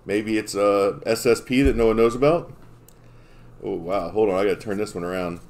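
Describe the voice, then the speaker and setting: A man's voice: fairly low pitch, moderate pace, darkish tone. A man opening trading card packs on a live stream, in casual chat, playfully confused and stumbling over the names.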